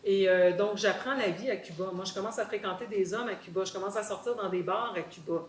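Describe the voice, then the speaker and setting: Slightly fast and mid-range, a woman with a Québécois French accent from Quebec, Canada, recounts personal experiences conversationally in a group discussion. She's articulate and explanatory, repeats words for emphasis, and the room echoes with faint background noise.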